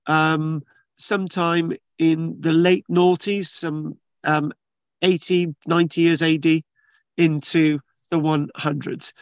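A man's voice: fairly high pitch, gravelly, fairly bright tone, no room sound, dull audio. A man reading news articles aloud and commenting in a rambling, casual way, with many restarts and fillers. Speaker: channel host reading and discussing archaeology news. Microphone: video call screen share.

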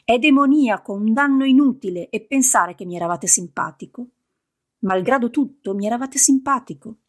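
A woman voicing a stout, serious older father who speaks slowly and gravely, sighing heavily. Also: a little high, expressive. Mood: outraged. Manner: slow, grave, heavy sighs.

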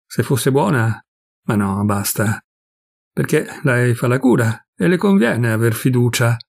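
A big, jovial fellow in his fifties, voiced by a man reading a story aloud, spilling confidences with smug good humour. His voice has a gravelly edge. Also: mid-range voice, expressive, measured pace. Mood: chatty. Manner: gossipy, confiding, pleased with himself.

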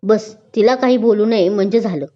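A woman's voice: medium pitch, normal speed, warm tone, close to an everyday voice. A woman voicing a teasing, playful young husband in a spoken story, talking with affection. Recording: dull lo-fi recording.

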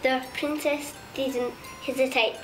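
A woman reading storybook fairy-tale narration in a gentle, unhurried manner. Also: sits high, level tone, soft background music, poor audio.

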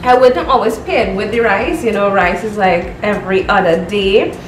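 A woman's voice: medium pitch, normal speed, echoey room, slight background noise, low-quality recording. A woman, chatting upbeat to viewers in a home cooking vlog. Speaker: cooking vlogger. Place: home kitchen, indoors.

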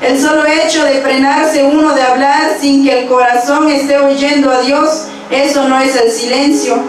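A young woman preaching a sermon at a church pulpit with a handheld mic, reading scripture verses aloud in a steady, measured way. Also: high-pitched, slight background noise. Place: church stage with pulpit and instruments. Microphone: handheld microphone. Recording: very echoey church hall, from far off.

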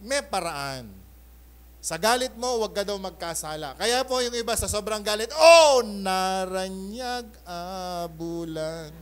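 High-voiced man preaching a lively sermon. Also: moderate pace. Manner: animated, often asks the congregation for an amen; switches between loud bursts and soft asides. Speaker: pastor. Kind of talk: Taglish Sunday sermon. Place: church.

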